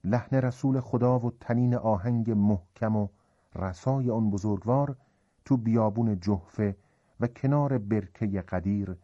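A man narrating a religious story in a calm, colloquial storytelling manner, in a dull, reverberant recording. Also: on the low side.

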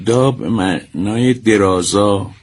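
A man hosting, politely asking an expert long musing questions with pauses. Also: lowish voice.

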